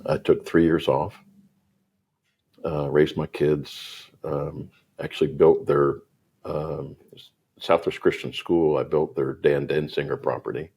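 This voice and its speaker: Slow, gravelly, and husky, this middle-aged man's bass voice carries his business story as a guest entrepreneur in a casual chat. He animates the tale by voicing the different people in it.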